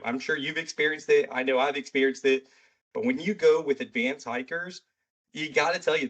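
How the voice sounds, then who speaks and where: A man's voice: mid-range voice, fairly bright tone. Rambling man hosting a podcast. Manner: loose and rambling, full of "you know" and "right". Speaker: podcast host; military veteran. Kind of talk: casual podcast chat.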